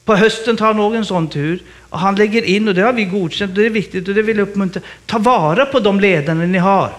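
A man preaching as a guest in a lively sermon, animated and exclaiming, laughing often. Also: high voice.

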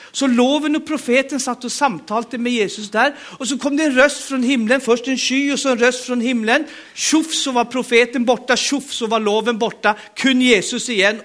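A man's voice: extremely high pitch, a bit bright. A man with a Norwegian accent preaching a sermon, emphatic and urging the congregation to respond.

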